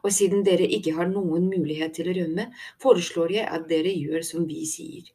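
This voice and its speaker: A woman voicing a female kidnapper whose voice is light, soft and almost sleepy. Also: lowish voice, husky. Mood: soothing.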